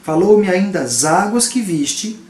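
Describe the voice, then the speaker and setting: A Brazilian pastor preaches a home video sermon with earnest, emphatic delivery, often posing rhetorical questions. His voice sits a bit high for a man. The room is echoey, with faint noise behind. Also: animated, a little slow, darkish tone. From Salvador, Brazil.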